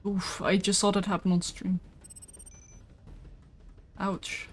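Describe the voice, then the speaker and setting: This woman streams a game and chats casually with a co-player, her mid-range voice slow and level. Talk of food and snacking creeps in between her sentences.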